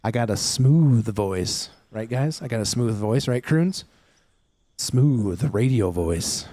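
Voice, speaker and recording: Slow and mellow, with lively intonation and a medium pitch, a man chats his way through a laid-back gaming livestream. He talks right to his viewers in chat, rambling with plenty of fillers and restarts.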